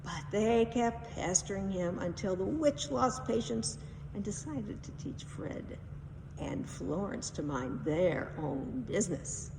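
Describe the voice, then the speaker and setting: A woman reads a children's storybook aloud with dramatic, emphatic flair, her medium-pitched voice gravelly, expressive and slow. The recording sounds distant, as if captured in an echoey hall with faint background noise.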